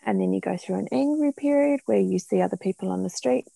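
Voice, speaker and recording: Woman, New Zealand accent, middle-aged, very croaky voice, dry close sound, lively storytelling. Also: mid-range voice, fast talker, dry recording, low-quality recording. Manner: animated storyteller who acts out quoted speech. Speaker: guest, mother. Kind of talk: personal storytelling in a podcast interview.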